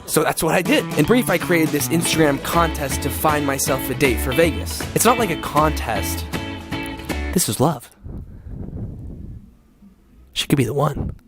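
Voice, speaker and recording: A man's voice: on the high side, animated, moderate pace, long pauses. A young man, an influencer, narrating his vlog and chatting in a playful, joking way. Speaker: influencer vlogger. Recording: background music under voice.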